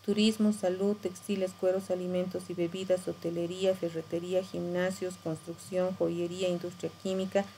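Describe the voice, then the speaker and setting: A woman's voice: lowish voice, a little mellow, slight background noise, rough recording. A middle-aged woman teacher, explaining patiently and checking in with tag questions. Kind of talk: screen-share tutorial lesson.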